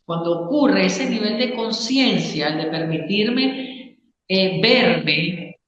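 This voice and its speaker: A man's voice: sits high, lively intonation, takes it slowly, fairly bright tone, a little hiss or hum. A man, a psychologist explaining ideas in an interview and often checking in with the listener. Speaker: psychologist and Gestalt therapist, interview guest. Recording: echoey room, long reverb, dull sound.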